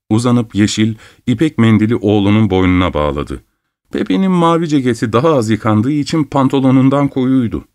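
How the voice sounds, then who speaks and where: A man narrating an audiobook in a measured, expressive storytelling manner. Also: mid-range voice.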